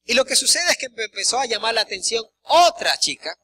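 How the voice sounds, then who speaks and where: A man's voice: very high-pitched, sing-song, a little fast, pushed and bright. A man, a pastor preaching a sermon, telling personal stories and addressing the congregation directly. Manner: acts out quoted dialogue, addresses congregation directly. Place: church service.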